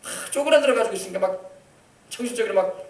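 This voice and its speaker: Male pastor, emphatic sermon, high voice, distant mic, echoey hall. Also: quick pace. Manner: emphatic preaching with call-and-response. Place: church sanctuary.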